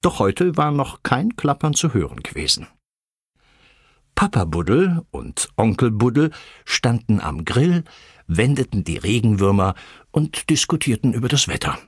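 A man narrating a children's animal story with expressive storytelling. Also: measured pace, slightly rough, dry recording, studio quality. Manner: expressive storytelling with lively pitch.

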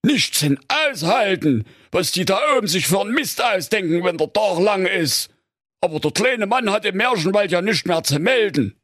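A man voicing a stressed, foul-mouthed middle-aged huntsman who gripes loudly and hoarsely about orders from above. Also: sits high, animated, normal speed, dry recording, clean studio sound, voice pushed up. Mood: griping. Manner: loud, griping, cursing, husky.

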